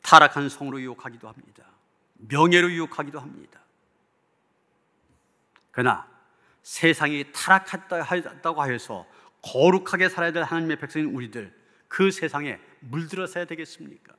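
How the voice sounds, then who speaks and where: At a moderate pace, a man with a slightly high, sharp-toned voice preaches an emphatic, earnest sermon full of rhetoric. He's a pastor speaking in a church hall with long reverb, and he closes in prayer.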